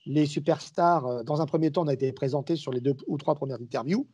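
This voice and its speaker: A man's voice: fairly high pitch, quick pace, slightly rough. A man, a guest commentator, telling anecdotes in a casual podcast chat and acting out the dialogue as he goes. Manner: lively storyteller who acts out dialogue. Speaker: guest, sports and wrestling commentator.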